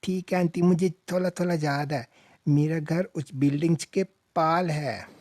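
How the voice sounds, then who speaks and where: A man's voice: on the high side, steady tone, unhurried, darkish tone, no room sound, studio quality. A man voicing a small, naive baby chick who talks in a childish, whiny way for a cartoon. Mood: eager. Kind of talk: cartoon voice acting.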